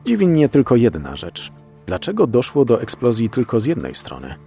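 A man's voice: medium pitch, wildly swooping pitch, normal speed, warm tone, faint music behind. A man voicing a jovial middle-aged male forensic expert who lectures and teases his junior in an audiobook. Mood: lecturing. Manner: teasing, lecturing like a professor.

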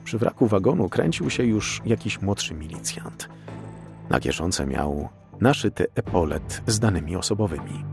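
A man narrating a crime audiobook in measured, scripted storytelling, close to the mic. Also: low voice, expressive, creaky, music in the background.

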